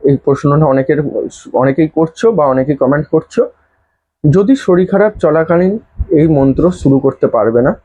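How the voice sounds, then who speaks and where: A man talks straight to camera with earnest, instructive intimacy, his voice dark and mellow but pitched a touch high. The recording is slightly dull and lo-fi. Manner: chants mantra slowly. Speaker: astrology and spell advisor. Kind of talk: direct-address advice video.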